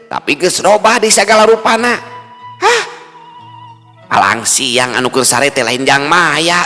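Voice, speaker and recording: A man's voice: on the high side, pushed and bright, pitched above the performer's own voice, heavily acted. A man voicing a bewildered village man lost near a haunted tree, muttering to himself and chanting spells. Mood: suspicious. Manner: fretful, muttering to himself, then chanting incantations. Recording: long reverb with faint music.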